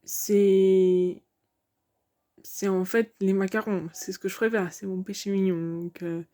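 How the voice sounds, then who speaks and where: A young woman chats casually over her gameplay, pausing often with fillers as she thinks aloud about her choices. Her voice sits at a middle pitch for a woman. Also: little pitch movement, mellow. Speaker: video game streamer.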